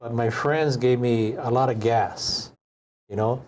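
A man in his sixties from Hawaii, a chef guest telling stories in an unhurried, reflective way in a studio interview. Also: mid-range voice, steady tone, a little mellow, a little hiss or hum. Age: 60s. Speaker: chef and restaurant owner guest. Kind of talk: casual interview storytelling.

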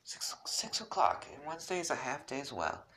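A man reading aloud and voicing a calm, quiet teenage girl who speaks softly and matter-of-factly. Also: fairly low pitch, moderate pace, reverberant, slight background noise, low-quality recording.

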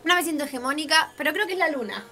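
A woman's voice: high voice, lively intonation, very fast, pushed and bright, faint music behind. A young woman with a Rioplatense accent, co-hosting a stream in casual, teasing, blunt chat. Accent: Rioplatense Spanish. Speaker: stream co-host.

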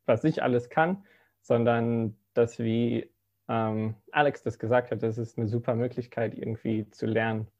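A young man in his twenties, raised in the Philippines, gives a personal testimony as a student ministry intern. His mid-range voice keeps a fairly even intonation at normal speed, and he sounds soft-spoken and hesitant, with many fillers.

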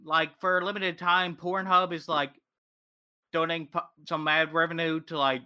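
A young man chats about memes with friends, rambling and swearing freely. His voice is bright and ringing, smooth and clean. He keeps the talk loose and joking. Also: a little high, little pitch movement, normal speed. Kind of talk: casual podcast chat about memes.

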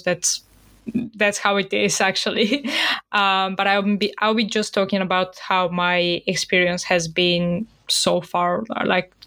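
A young woman from Bulgaria hosting her own podcast, talking casually with lots of fillers. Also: medium pitch. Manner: chatty, many fillers like "like" and "um". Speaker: podcast host. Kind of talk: casual solo podcast talk.

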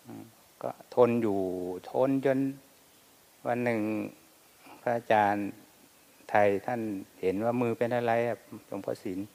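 Male monk, personal recollection, halting delivery with repeated words, mid-pitched voice, reverberant hall sound. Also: steady tone, creaky, a little mellow. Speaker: Buddhist monk.

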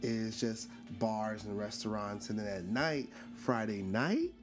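With music playing in the background, this Brooklyn man in his forties speaks unhurriedly in a fairly low, animated voice. He's a podcast host telling stories in a loose, chatty monologue packed with fillers and restarts, frequently posing questions to listeners.

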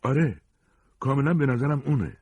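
A man's voice: mid-range voice, animated, a little mellow, slightly rough, dry recording, muffled recording, voice pushed up. A man voicing an uneasy young man in a gang, hesitant as he speaks up.

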